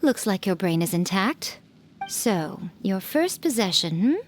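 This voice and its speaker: A woman's voice: medium pitch, big pitch swings, unhurried, slight background noise. A woman voicing a sly, smug and mischievous female fox spirit in a video game, talking in a poised, teasing way.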